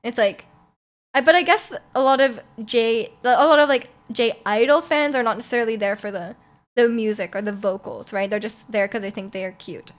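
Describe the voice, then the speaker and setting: A young woman streamer chats casually with her viewers, reading their comments in a slightly high voice at a normal pace. She laughs often and restarts her sentences.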